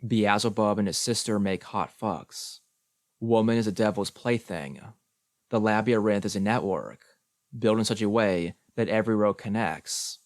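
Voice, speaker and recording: A man's voice: fairly low pitch, normal speed, dry recording, clean studio sound, lightly acted. A man reading the lines of Eve, a defiant, rebellious woman, bluntly and crudely in an audiobook.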